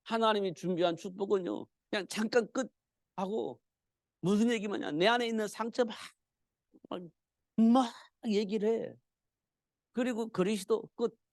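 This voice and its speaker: A man preaches a midweek church sermon in a casual, conversational way and keeps answering his own rhetorical questions. His voice sits a little high and has a gravelly, creaky texture. The sound is dry and close, with almost no room echo. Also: normal speed, pauses often. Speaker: pastor.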